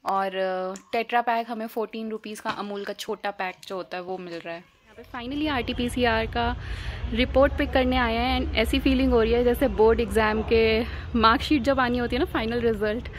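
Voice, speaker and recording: A woman travel vlogger chats candidly and teasingly during a road trip, mixing Hindi and English in casual talk. Her voice is a little high, steady and moderately paced, set against noisy outdoor ambience.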